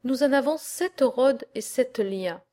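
A woman's voice: high voice, animated, takes it slowly, dark tone. A woman reading as a proud young herdsman. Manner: proud, forthright. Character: proud young male horse herder, bold suitor.

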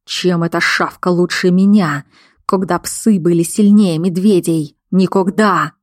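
A woman voicing a gruff, domineering male bear-shifter boss who barks stubborn orders. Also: lowish voice, fairly even intonation, a little slow, dry recording, clean studio sound, lightly acted. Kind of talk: audiobook character voice.

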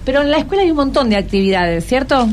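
Interviewing schoolchildren on a relaxed radio show, this woman with a Rioplatense Argentine accent is encouraging and fires off many questions. Her voice sits high, sounding very animated at a quick pace.

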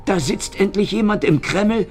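A male actor with a high, slightly mellow voice plays a cynical, streetwise Soviet secret police investigator in a German radio crime drama. The acting is light and the pace moderate, and he comes across as sardonic, insistent, needling and swaggering over soft background music.

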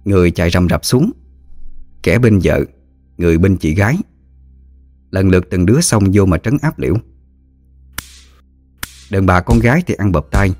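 Brief: man, low voice, ghost-story narrator, dry sound, faint music. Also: darkish tone, no echo.

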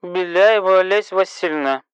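A man voicing a drunk, hiccuping woman who calls the police, shrill, bossy and slurring. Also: normal speed, clean tone, no echo, natural voice. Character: drunk, hiccuping, rude middle-aged woman caller.

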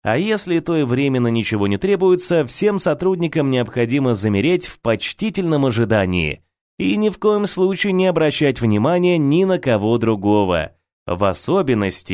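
Guy reading an audiobook, wry ironic tone, lively pitch, dry close mic. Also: no room sound. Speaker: audiobook reader. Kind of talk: first-person ironic audiobook narration.

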